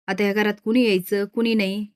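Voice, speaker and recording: Woman playing a stern old man, firm and loud, flat delivery, dry sound. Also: medium pitch, a little fast, no echo, lightly acted. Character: stern elderly man, head of household.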